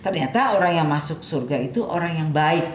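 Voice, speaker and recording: Older Sundanese-accented woman telling a story. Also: brisk. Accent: Sundanese-inflected Indonesian. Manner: animated storyteller, acts out dialogue with jumps in pitch. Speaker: mother giving religious advice. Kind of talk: casual storytelling chat. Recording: echoey room with faint rumble.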